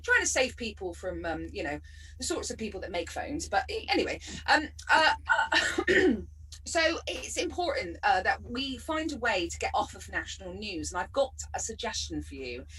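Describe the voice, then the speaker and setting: A woman comic from Bristol delivers a sarcastic, chatty stand-up set via video call in a West Country accent, laughing in bursts. Her medium-pitched voice is sing-song, pushed, bright and husky, at a normal speed. The recording is rough, with a distant mic.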